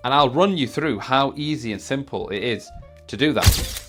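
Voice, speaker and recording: A man with a mid-range, slightly bright voice gives a casual product demo, animated and at a moderate pace. As a product reviewer and demonstrator, he explains the features step by step. Music plays behind his voice.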